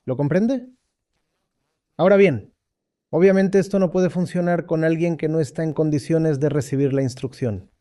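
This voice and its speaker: A man giving a dubbed spiritual lecture as a teacher, speaking deliberately, repeating key points and checking that listeners follow. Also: on the high side, dark tone, no echo, clean studio sound.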